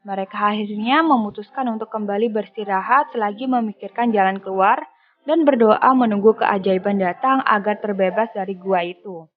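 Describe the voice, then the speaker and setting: A woman reading a scripted film plot recap in an even storytelling manner. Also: medium pitch, moderate pace. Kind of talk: scripted narration. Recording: dull lo-fi voice-over with music.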